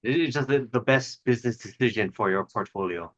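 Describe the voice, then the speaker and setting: A man's voice: mid-range voice, a little fast, a bit bright, no echo, highs cut off. A man taking part in a casual investor video call, chiming in with follow-up questions. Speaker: participant in an investor group call.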